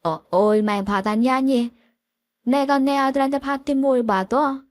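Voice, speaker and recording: A woman's voice: fairly high pitch, normal speed, darkish tone, no room sound, clean studio sound, pitched above the performer's own voice, close to an everyday voice. Woman voicing a blustering old father-in-law. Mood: indignant. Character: blustering older man, defensive father-in-law.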